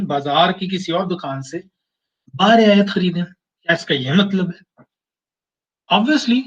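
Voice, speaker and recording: Man, lecturer, slightly high voice, patient explaining, distant muffled mic. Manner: explains slowly, repeats phrases to show ambiguity. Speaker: university lecturer. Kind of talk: recorded online lecture.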